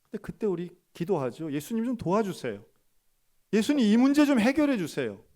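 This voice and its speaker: A man's voice: sits high, fairly quick. A male pastor delivering a Sunday sermon, acting out the people he speaks of in quoted dialogue. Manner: animated, acts out dialogue in quoted voices.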